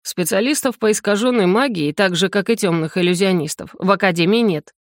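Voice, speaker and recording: A woman reading the part of a cold, detached male magic teacher who speaks in flat, curt, unhurried lines. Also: mid-range voice, dry recording, clean studio sound, natural voice.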